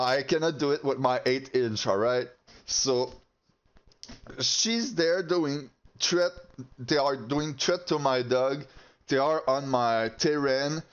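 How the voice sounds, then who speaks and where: Brief: a man ranting to camera, fired up and foul-mouthed, stumbling over his words, mid-pitched, recorded on slightly muffled audio. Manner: heated, profane, halting with restarts. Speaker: channel host. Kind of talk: casual rant to camera.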